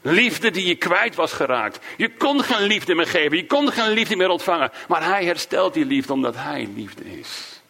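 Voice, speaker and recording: A male preacher delivers an emotive sermon. His fairly high voice swings widely in pitch, climbing on key words and sinking into hushed, low phrases. Quoted cries come slow and drawn out. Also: very animated, gravelly.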